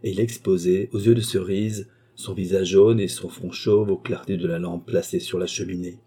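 A man narrating a classic novel as an audiobook, in a measured, dramatic reading. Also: low voice, steady tone, mellow, breathy edge.

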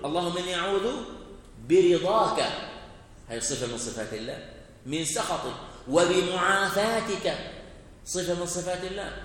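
A man giving a religious lesson. He asks his listeners questions, answers them himself and slows down when he recites quoted phrases. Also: high voice, a bit bright. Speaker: sheikh teaching a classical text. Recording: very echoey hall recording with faint noise.

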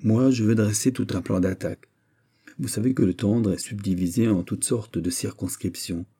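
A man's voice: lowish voice, normal speed, warm tone, husky. A man voicing a young king who banters gallantly in an audiobook reading. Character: playful, lovestruck young king.

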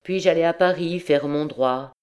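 A woman narrating an audiobook in a measured, steady storytelling manner. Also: sits low. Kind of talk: scripted narration.

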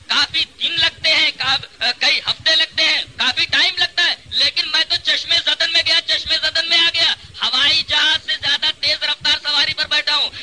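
High bright-voiced male preacher. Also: rough recording. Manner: argumentative, full of rhetorical questions; mocks an opposing cleric. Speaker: Islamic preacher. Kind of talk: religious lecture.

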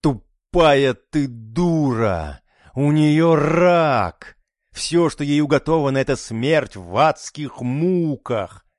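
A harsh, fanatical religious mother, as a male narrator puts her on in an audiobook. She scolds and lashes out, her pitch rising and falling widely. The recording is close and dry. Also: lively intonation, takes it slowly, no echo. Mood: screaming. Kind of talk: audiobook character voice.

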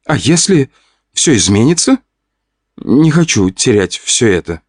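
A man's voice: mid-range voice, big pitch swings, unhurried, no echo, clean studio sound. A man voicing a feisty young woman, a bickering fiancée who bursts into flustered scolding. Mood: anxious.

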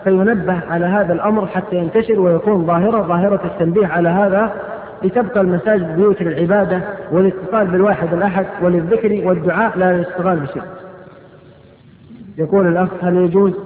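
A man preaching at a religious question-and-answer lecture, reading questions aloud and answering each with quick, firm rulings. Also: sits high. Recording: echoey hall on tinny phone-band audio.

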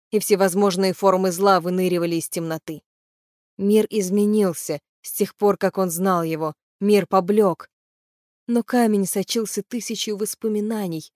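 A woman narrates a fantasy audiobook in a steady, even voice of middle pitch. The recording is dry and close, with no room sound around her. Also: no room sound. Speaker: audiobook reader. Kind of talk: scripted narration of a fantasy novel.

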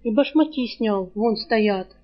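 A woman's voice: on the high side, animated, measured pace. A woman voicing a good-natured young male thief in an audiobook, with a grumbling, down-to-earth way of speaking. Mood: easygoing. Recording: dull lo-fi recording.

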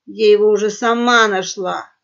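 A woman's voice: mid-range voice, steady tone, moderate pace, creaky, a bit bright. A woman voicing a know-it-all female parrot who gurgles and lectures, on a dull lo-fi recording. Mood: chatty.

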